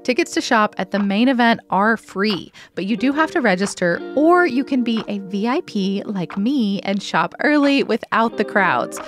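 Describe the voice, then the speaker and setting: A woman with a medium-pitched voice hosts a podcast. She talks in a casual, chatty way and reads scripted copy in the same role, with music clearly behind her. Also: animated, normal speed, few pauses. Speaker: podcast host. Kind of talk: casual chat and scripted ad reading.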